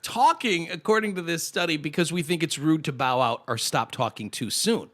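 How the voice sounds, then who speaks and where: A man from the United States hosting a casual comedy podcast, animated and riffing with laughs. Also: fairly high pitch, moderate pace. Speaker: podcast host.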